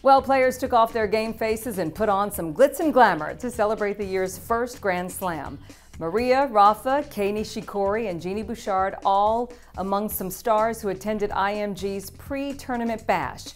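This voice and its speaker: A woman's voice: medium pitch, a little slow, soft background music. A woman presenting a scripted sports news roundup, upbeat and polished, with light quips between items.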